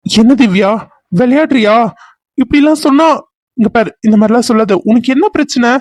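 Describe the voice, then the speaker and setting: A high-voiced jealous young man. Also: a little fast, a little mellow, no echo. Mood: angry. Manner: pushy, threatening, then pleading. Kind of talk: cartoon serial voice acting.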